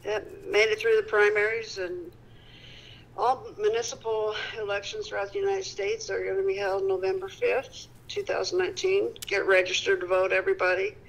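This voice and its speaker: A woman in her fifties from Indiana speaks over a telephone line as a guest. Her voice has a gravelly fry to it. She rambles casually, restarting phrases as she goes. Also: medium pitch, moderate pace. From Peru, Indiana. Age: 50s. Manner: chatty and rambling, self-correcting. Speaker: guest, city council candidate. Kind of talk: casual phone chat.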